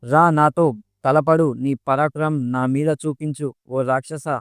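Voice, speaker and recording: Man narrator voicing a mighty warrior prince, proud and boastful, flat even delivery. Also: a little high, unhurried, smooth, no room sound, studio quality.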